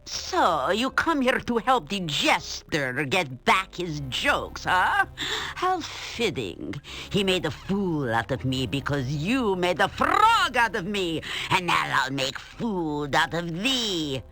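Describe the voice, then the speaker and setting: A woman's voice: lowish voice, very animated, slow pace, bright, forceful tone, full character voice. A woman voicing a gleeful, menacing old witch who taunts in a sing-song, cackling way. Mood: taunting. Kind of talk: game voice acting. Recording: game audio with faint music.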